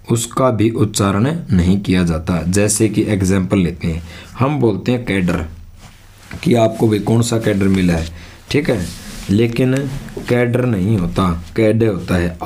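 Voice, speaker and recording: A man's voice: fairly low pitch, darkish tone. A male teacher, giving a lesson and asking then answering his own questions. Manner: repeats words, asks and answers own questions. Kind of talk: classroom lesson with board.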